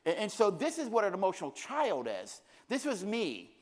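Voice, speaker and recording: A man's voice: high voice, huge pitch swings, moderate pace. A middle-aged man presenting at a conference, speaking earnestly and repeating phrases for emphasis. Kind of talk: conference lecture. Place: conference hall. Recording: long hall reverb.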